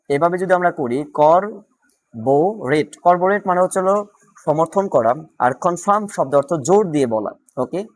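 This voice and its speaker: A man with a Bangladeshi Bengali accent teaching vocabulary for exam prep, asking questions and answering them himself. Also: on the high side. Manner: drills words with quick question-and-answer; louder and more animated when solving questions.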